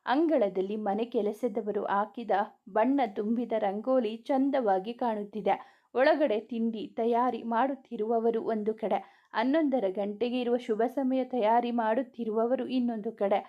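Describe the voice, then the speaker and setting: A woman reading a romantic serial story aloud, with soft, even narration and plain voices for the dialogue. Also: fairly high pitch, measured pace, lo-fi sound.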